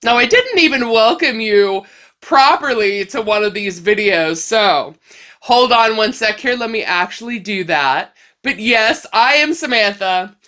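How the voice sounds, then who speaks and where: A woman hosts a crochet vlog, chatting casually and playfully to camera while sounding slightly stuffed up from a cold. Her voice is on the high side, animated, unhurried and a bit bright.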